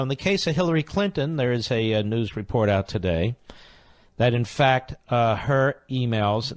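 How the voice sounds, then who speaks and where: A man's voice: medium pitch, no echo. Male talk radio host, combative and indignant, mid-range voice, close dry mic. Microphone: studio microphone.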